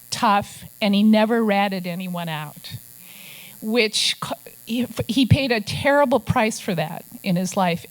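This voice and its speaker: Her voice sits at medium pitch, and the recording is low quality. She's an older woman from Minnesota, an investigative journalist spinning stories for a press club crowd, adding wry asides and doing gruff impressions of the people she quotes.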